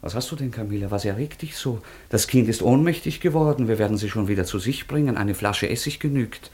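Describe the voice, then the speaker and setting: An actor playing an impulsive young nobleman in a radio drama, speaking low, earnest and quietly intense. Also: fairly quick, slightly rough. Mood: defiant. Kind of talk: studio radio drama acting.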